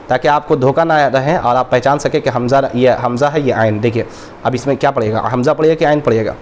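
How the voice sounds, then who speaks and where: Man, reading teacher, recorded lesson, drawn-out letter names, quick explanations, faint background hiss. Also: medium pitch, darkish tone.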